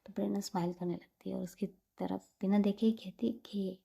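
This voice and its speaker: A woman tells a romance story in a loose, chatty way, full of fillers. Her voice is very dark and mellow, with a gravelly, husky edge. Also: mid-range voice, fairly quick. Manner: relaxed, chatty retelling with many fillers. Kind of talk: casual narration of a romance story.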